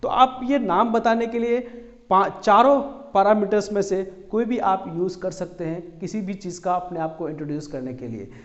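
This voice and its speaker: A man from Bihar giving a spoken English lesson, explaining slowly, repeating phrases and checking in with "right?". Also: high-pitched, big-room sound, highs cut off. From Bihar, India. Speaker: English teacher.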